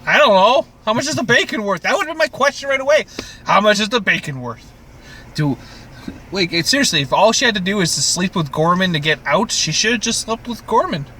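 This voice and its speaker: Chatting about TV shows on a podcast he co-hosts, a man from Canada rants with exasperation and plenty of swearing. He has a high, sharp-toned, expressive voice and speaks briskly, with a little hiss or hum in the audio.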